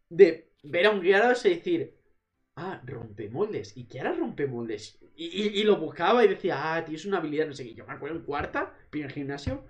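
A man from co-hosting a casual podcast, talking emphatically and mimicking his younger self. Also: high voice. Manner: emphatic, acts out his past self in a drawling voice. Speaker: podcast co-host. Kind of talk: casual chat.

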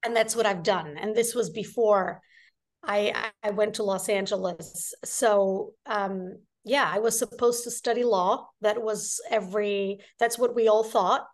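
A woman's voice: mid-range voice, steady tone, unhurried. A woman from Portugal, a guest telling her story earnestly and with many restarts. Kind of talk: casual interview chat.

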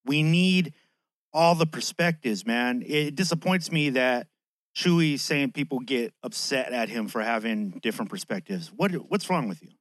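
A man's voice: mid-range voice, measured pace, dry recording. A man with a lisp and whistling s sounds hosting a podcast in a casual, slangy, chatty monologue that swears freely. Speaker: podcast host.

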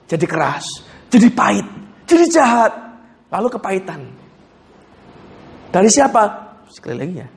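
A male pastor preaching a sermon in a lively, conversational storytelling manner, often chuckling as he talks. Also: sits high, moderate pace, vocal fry, long pauses.

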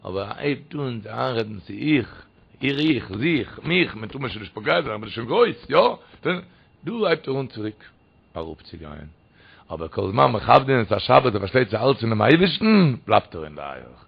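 A man giving a Torah talk in a sing-song preaching cadence, murmuring low and then calling out loudly. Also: big pitch swings, a little fast, gravelly, breathy edge. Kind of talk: Yiddish-inflected Torah discourse. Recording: muffled lo-fi recording.

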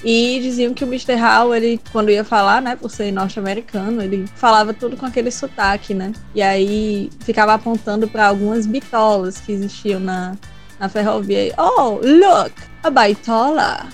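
A woman's voice: mid-range voice, fairly even intonation, normal speed, soft background music. A woman, a podcast guest, telling an anecdote with many fillers. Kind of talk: storytelling chat.

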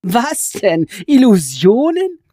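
A woman voicing a defiant young heroine who answers a goblin with sharp, scornful retorts. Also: a little high, huge pitch swings, takes it slowly, no echo, clean studio sound, pitched above the performer's own voice, heavily acted.

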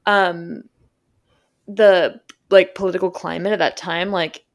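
Casual discussion host: stoned woman, lower-pitched, rambling, blunt, sweary, filler-heavy. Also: steady tone, measured pace.

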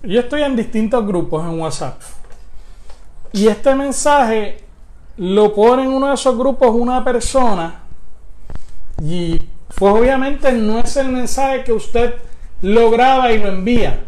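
A man's voice: very high-pitched, measured pace, pauses often, darkish tone. A man with a Puerto Rican Spanish accent hosting a live stream, talking casually with frequent hesitations.

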